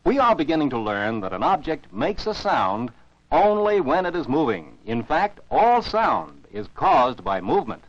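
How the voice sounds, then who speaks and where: With a sing-song, mid-range voice at a moderate pace, an American narrator reads scripted science for kids in an educational film. His delivery is instructive and carefully articulated. The 1949 soundtrack is dull and dry, with no echo.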